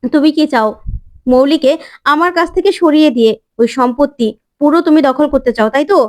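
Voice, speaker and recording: A woman's voice: high-pitched, a little fast, dry recording, studio quality, lightly acted. A woman voicing an angry middle-aged mother-in-law who accuses her daughter-in-law in a storybook retelling. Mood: bitter accusing.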